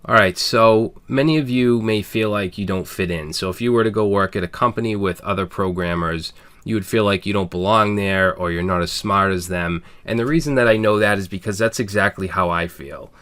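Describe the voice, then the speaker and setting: Speaking briskly in a lowish, fairly bright, clean voice, a thirtysomething man hosts a programming channel. He has a Boston accent and chats candidly with viewers in an earnest, plain-spoken way, leaning on fillers like "um" and "all right."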